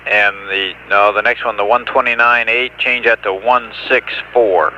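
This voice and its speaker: A man with an American accent speaks over a dull, lo-fi space radio link. His voice is fairly low and very sharp, and he gives procedural figures calmly, like a mission controller. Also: unhurried. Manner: calm, matter-of-fact. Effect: radio transmission. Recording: dull lo-fi 1970s space radio, faint noise, hum. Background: faint hiss and hum.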